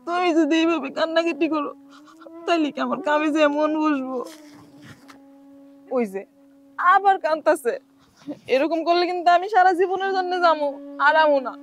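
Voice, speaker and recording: A woman's voice: sits high, lively intonation, normal speed, pauses often, a little hiss or hum. A tearful young village woman. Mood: pleading. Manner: tearful, pleading. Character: poor young village woman, sorrowful and tender. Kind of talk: TV drama acting.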